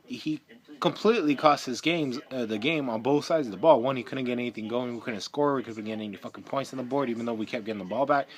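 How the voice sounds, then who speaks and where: Profane young man ranting about football. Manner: profane, swings between loud ranting and low muttering. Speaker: fan vlogger. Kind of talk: casual sports rant.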